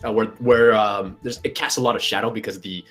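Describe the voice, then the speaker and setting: A man improvising narration as a tabletop game master, describing scenes in a halting way as he searches for words. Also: on the low side, fairly even intonation, a bit bright, soft background music.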